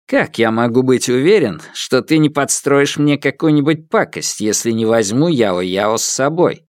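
A man's voice: mid-range voice, lively intonation, unhurried, no room sound, clean studio sound, natural voice. A man voicing a vengeful male hostage-taker who barks orders and taunts. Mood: taunting. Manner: barking, taunting, menacing.

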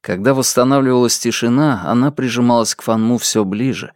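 A man reading a novel aloud as audiobook narrator, measured and unhurried. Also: medium pitch, a little mellow, dry recording, clean studio sound. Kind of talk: scripted narration.

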